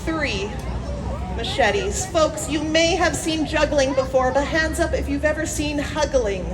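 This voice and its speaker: A woman's voice: sits high, a little slow, background noise. A woman doing comedic street show patter like a playful kids' party magician, with joking asides, countdowns and prompts to the audience. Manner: joking, self-mocking asides. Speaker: street performer, hula hoop juggler. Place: outdoors at a street festival. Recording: outdoor street, loud music and crowd.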